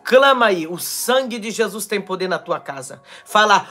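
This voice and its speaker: Brazilian male pastor, live-stream prophetic sermon; fervent, shouting, strained throat, bright edge, faint music under. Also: sits high, lively intonation, normal speed. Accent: Brazilian Portuguese. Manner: fervent, shouting, swings between loud cries and quiet asides.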